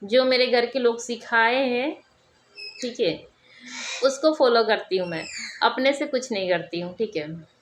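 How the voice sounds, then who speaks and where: A young woman with a fairly high voice tells a personal story straight to camera. She talks in a chatty, conversational way and keeps checking in with her listener as she goes. Faint noise sits behind her voice. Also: a little slow, long pauses. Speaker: vlogger.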